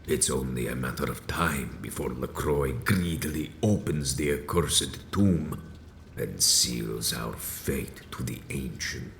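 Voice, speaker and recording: An extremely deep-voiced old vampire leader, wounded, grandiose and bitter. He talks slowly and theatrically, as in a dark video game, with a roomy echo around him. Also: vocal fry, heavily acted. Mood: urgent, foreboding. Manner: slow, grave, theatrical, archaic formal phrasing. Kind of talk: dramatic video game voice acting. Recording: echoey room with faint noise.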